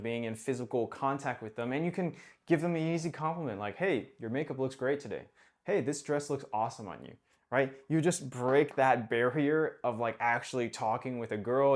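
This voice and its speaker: Guy dating coach just chatting to camera, keeps saying okay and right, mid pitched voice. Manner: conversational, full of "okay?" and "right?" tags; acts out little quoted exchanges. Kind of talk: casual advice monologue.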